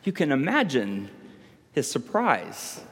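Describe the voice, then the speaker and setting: A man preaching tells a story in sermon style, with slow, dramatic pauses. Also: medium pitch, huge pitch swings. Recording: long hall reverb.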